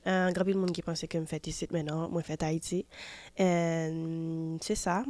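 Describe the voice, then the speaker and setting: A Haitian singer in her twenties, speaking with a Haitian French accent, answers questions in a casual interview hesitantly and with lots of fillers. Her voice is low-pitched and somewhat mellow, with little pitch movement and a normal speed. There's no echo.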